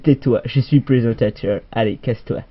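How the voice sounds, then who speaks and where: A man's voice: medium pitch, moderate pace, husky. Goofy man hosting a toy-figure show. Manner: goofy mock-presenter, jokey and brusque. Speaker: host. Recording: muffled lo-fi recording.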